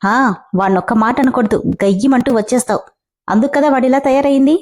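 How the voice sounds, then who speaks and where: A woman's voice: sits high, quick pace, darkish tone. Woman reading as a stern, scolding father. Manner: gruff, scolding. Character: stern middle-aged father, quick to anger.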